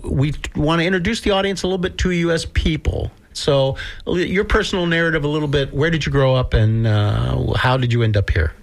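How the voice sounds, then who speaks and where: A male radio co-host with a slightly higher voice, quipping and enthusiastic. He introduces guests with cheerful energy. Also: a little fast, gravelly, hardly any pauses. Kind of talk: casual community radio chat.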